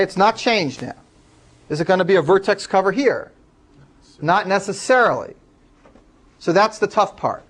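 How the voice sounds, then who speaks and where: A man lecturing a class, explaining step by step and taking student questions. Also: high voice.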